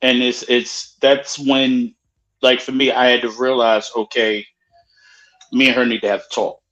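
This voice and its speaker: A man's voice: medium pitch, little pitch movement, measured pace, a bit bright, highs cut off. Man with a blunt, profane casual manner. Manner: blunt, profane, reading viewer comments aloud. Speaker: co-host. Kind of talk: casual live-stream chat.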